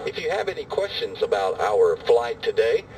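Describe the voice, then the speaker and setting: A man reading a scripted in-flight safety announcement in a formal, measured, polite way. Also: on the low side, sing-song, recorded from a distance, background noise.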